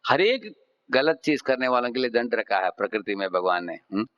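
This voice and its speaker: A man's voice: medium pitch, sing-song, normal speed, fairly bright tone. A man giving a devotional lecture and telling a story, often checking in with the audience. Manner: checks in with the audience, asking "hmm?" and "right?". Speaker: devotional speaker. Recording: slightly dull lecture recording.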